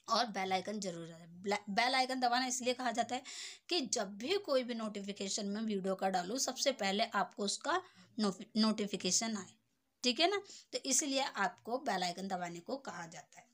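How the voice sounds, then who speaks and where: A young adult woman tutors informally, explaining things step by step and often using tag phrases to check the listener is following. Her voice is medium-pitched and fairly bright, at a moderate pace.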